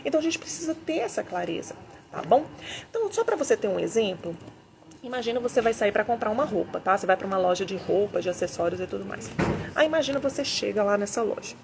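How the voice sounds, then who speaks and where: A woman's voice: medium pitch, fast, creaky. Woman, business consultant, storytelling talk, acts out dialogues, Bluetooth mic, faint background noise. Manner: animated storyteller, voices both sides of dialogues. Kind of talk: teaching talk with acted-out anecdotes.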